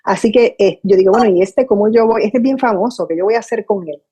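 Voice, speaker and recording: Over a video call from her home, an older Puerto Rican woman who worked as a radio announcer looks back on her career in a storytelling interview, lively and acting out her old conversations. Her husky voice sits in the mid range, she talks fast, and her Puerto Rican Spanish accent reflects her roots in Puerto Rico.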